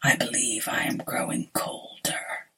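Woman doing a pale, whispering male stranger. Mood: cold whisper. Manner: hushed whisper, slow and deliberate.

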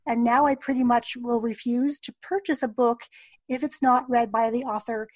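Affirming woman host, bright higher voice. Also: steady tone, normal speed, dry recording. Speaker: podcast host. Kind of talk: conversational interview.

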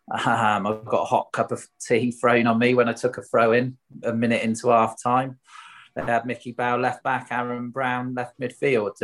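A man from Swindon with a Wiltshire accent, a former footballer telling stories in a casual interview, candid, colloquial and questioning himself. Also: mid-range voice. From Swindon, England. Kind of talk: casual anecdotal interview chat.

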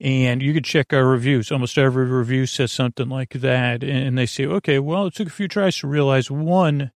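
With a creaky, gravelly, medium-pitched voice, this man hosts a podcast and wanders through a whimsical bedtime monologue, frequently stopping to repeat or correct himself. The sound is dry and clean, like a studio.

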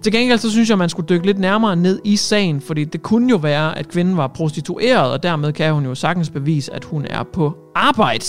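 Cheeky radio host, music underneath. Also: male voice, high voice, few pauses. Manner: cheeky, jokey, mixes English phrases. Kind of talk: comic news monologue.

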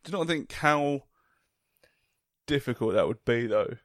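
A man's voice: medium pitch, animated, a little slow, fairly bright tone, no room sound. A young man, co-hosting a casual podcast, telling crude stories and laughing often. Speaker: podcast co-host. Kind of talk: casual chat.

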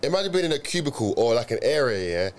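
A man's voice: mid-range voice, very animated, fast. A young man, chatting casually, rambling and agreeing in slang. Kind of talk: casual podcast chat.

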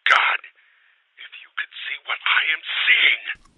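A man voicing a terrified man who is calling up from deep underground, hoarse with fear and frantic. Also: big pitch swings, measured pace, dry recording, narrow, tinny audio, exaggerated voice. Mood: horrified. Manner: frantic, pleading, shaky and breathless. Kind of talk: dramatic audiobook reading.

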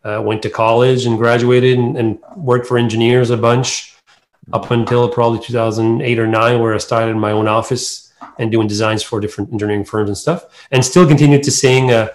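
A man's voice: medium pitch, fairly even intonation, brisk. Middle aged guy w acadian accent, french speaker talking english, rambly casual interview answers. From New Brunswick, Canada. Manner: rambling, loosely strung clauses. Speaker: singer, interview guest.

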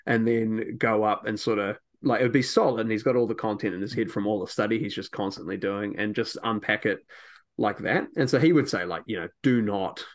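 A man's voice: fairly low pitch, fairly quick. A man hosting a podcast, chatting eagerly about preaching with many filler words. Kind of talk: casual chat.

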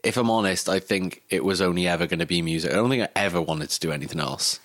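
As an interview guest, a young man from Cardiff, Wales, who was born in Greece, recalls his life in casual, informal chat with occasional swearing. He speaks fast in a deep voice with a fairly bright tone. The sound is dry and clean, like a studio.

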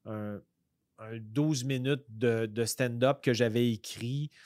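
A man with a Québécois accent chatting casually as a comedian guest on a podcast, rambling with many halting restarts. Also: medium pitch, fairly even intonation, a little mellow, no room sound, clean studio sound.

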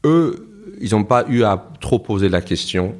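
A man's voice: on the low side, expressive, measured pace. A man from the United States with an American accent, speaking French as a second language as an interview guest, reflective and anecdotal, often restarting his sentences. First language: English. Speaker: guest, author. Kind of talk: casual interview conversation.

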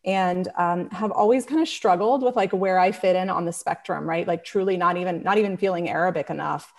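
Earnest woman panelist, reflective, voice a little low. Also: a little fast. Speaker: panelist, founder. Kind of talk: panel introduction.

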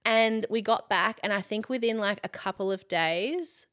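A woman's voice: mid-range voice, moderate pace, a bit bright. Chatty Australian woman in her thirties. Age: 30s. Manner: chatty, lots of "like", laughs often. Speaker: guest, content creator. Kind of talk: casual interview chat.

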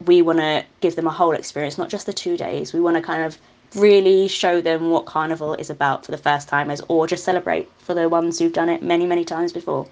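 A woman's voice: low voice, level tone, a little fast, darkish tone. A woman answering interview questions, chatty and enthusiastic, laughing now and then. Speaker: carnival band committee member.

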